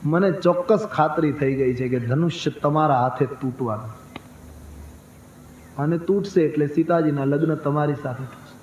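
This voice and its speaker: A man's voice: fairly high pitch, moderate pace, a little mellow, a little hiss or hum, natural voice. A man voicing a worried, devoted younger brother who pleads earnestly in a storytelling sermon. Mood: pleading. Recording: echoey, dull.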